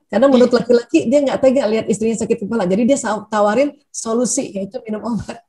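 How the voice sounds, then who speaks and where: A woman doctor giving a lively seminar talk to an audience, telling anecdotes and acting out bits of dialogue. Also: on the high side, fast, slightly rough. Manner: animated, anecdotal, acts out quoted dialogue.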